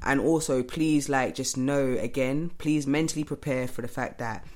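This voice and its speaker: A woman's voice: rumbling low, steady tone, normal speed, darkish tone. Woman, London roadman accent, slangy, emphatic, repetitive phrasing, casual podcast co-host. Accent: London, urban street-slang.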